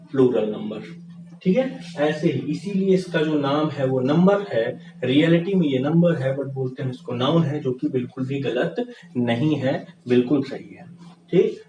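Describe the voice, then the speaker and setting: A man gives an English grammar lesson, posing questions and then answering them himself. His voice sits a little high. He is recorded from a distance in an echoey room, with a steady hiss of noise behind him. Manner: explains by asking questions and answering them himself, often says "ठीक है". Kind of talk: classroom-style grammar lesson.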